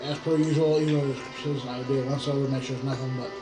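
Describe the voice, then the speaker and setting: A man's voice: mid-range voice, level tone, rapid-fire. A man playing a tabletop role-playing game, talking casually and hesitantly as he thinks aloud. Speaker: player. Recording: roomy recording with background music. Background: background music.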